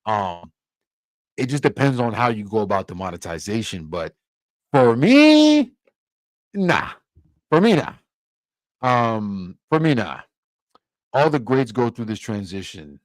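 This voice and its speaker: Hosting a casual livestream, this young Cameroonian man responds to viewer comments loosely and easygoingly, with lots of fillers and restarts. His mid-range voice is sing-song and unhurried, with long pauses. The audio is poor, with no room sound.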